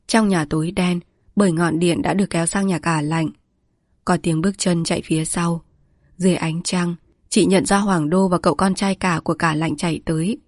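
Low-voiced woman narrating a village story. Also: darkish tone, no echo, clean studio sound. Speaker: audiobook narrator.

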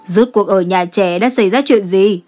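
A fretful middle-aged grandmother who scolds and pleads in a raised voice, as a woman reading the story puts her on. Her voice sits at an ordinary mid pitch. Soft music plays under the reading. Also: moderate pace, lightly acted. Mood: exasperated.

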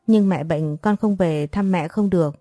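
A remorseful young daughter apologizes humbly to her parents, read by a woman narrator. The voice is warm and low, recorded close with a dry sound. It is a plain storybook reading. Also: moderate pace, no echo, faint music behind, close to an everyday voice.

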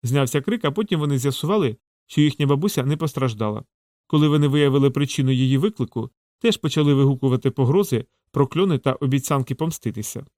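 A man's voice: mid-range voice, fast, a little mellow, no echo. Man reading an audiobook, dry sound. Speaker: audiobook reader. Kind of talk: scripted narration.

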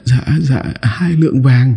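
A man's voice: mid-range voice, slow, creaky, warm tone, slightly rough, pitched above the performer's own voice, full character voice. A man voicing a shady middle-aged female gangster who stammers and pleads in an audiobook. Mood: frightened. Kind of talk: audiobook character voice.

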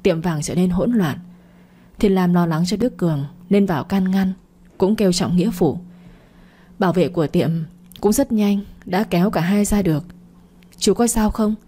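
Woman reading a story, low voice, dark mellow tone, steady. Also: moderate pace, slightly rough. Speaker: narrator. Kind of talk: storybook narration.

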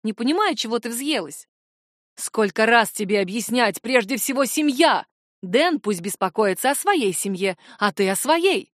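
A woman voicing a stern, fearful middle-aged mother who scolds in a sharp, commanding way. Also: fairly high pitch, expressive, moderate pace, no room sound, studio quality. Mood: scolding.

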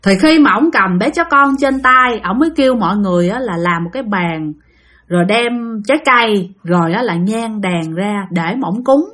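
A woman's voice: mid-range voice, moderate pace, a bit bright. A woman with a Southern Vietnamese accent telling a spooky story in a chatty way, speaking directly to her listeners.

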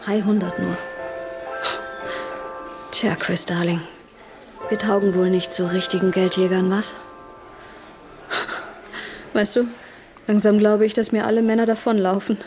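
A woman's voice: mid-range voice, level tone, measured pace, long pauses, darkish tone, lightly acted. Actress as Sally Bowles, theatrical young bohemian woman, music behind. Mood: wistful, self-pitying. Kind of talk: radio drama acting. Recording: studio radio play, music behind.

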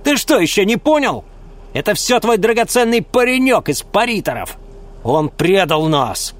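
A man voicing a harsh, ruthless woman who leads smugglers and barks sharp orders. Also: fairly high pitch, lively intonation, a little slow, pitched above the performer's own voice. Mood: furious. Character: harsh female smuggler leader, cold and ruthless.

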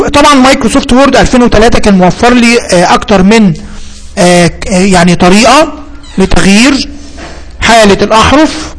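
Egyptian male tutor, high-pitched, patient step-by-step explainer, faint background hiss. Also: poor audio. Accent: Egyptian Arabic. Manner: explains step by step, repeats terms, hesitant fillers. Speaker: computer instructor. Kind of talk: spoken software tutorial.

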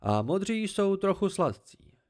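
A man's voice: on the high side, very animated, pitched above the performer's own voice. A man voicing an ancient, haughty tree-spirit oracle with a cold, dry, disdainful voice.

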